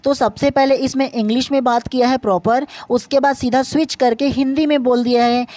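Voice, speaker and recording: A man's voice: very high-pitched, steady tone, fairly quick, a little mellow, no echo. Dry-voiced man tutoring an exam class. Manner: explains step by step, repeatedly checks students follow; sprinkles lots of filler "na". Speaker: online exam-prep English tutor. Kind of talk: explanatory online lesson.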